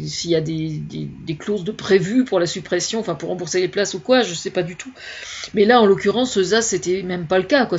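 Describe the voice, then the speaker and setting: Husky, hesitant woman on a dull recording. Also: medium pitch. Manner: hesitant, searching for words with many restarts. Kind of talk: casual spoken opinion monologue.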